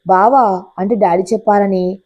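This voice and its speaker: A woman's voice: medium pitch, steady tone, a little slow, mellow, dull audio, natural voice. A woman voicing a timid, obedient young woman in a storybook reading.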